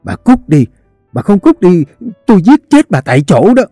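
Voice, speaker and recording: A man's voice: high-pitched, huge pitch swings, normal speed, mellow, no room sound, clean studio sound, soft background music, voice pushed up. A man voicing a fierce young married woman who scolds and threatens sharply. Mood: furious.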